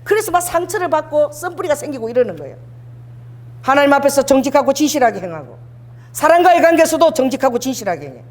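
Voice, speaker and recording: A high-pitched, middle-aged woman pastor preaching with strong emphasis. Her voice leaps widely from line to line, and she has the congregation repeat lines after her. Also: sing-song, quick pace, a little mellow. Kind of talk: sermon.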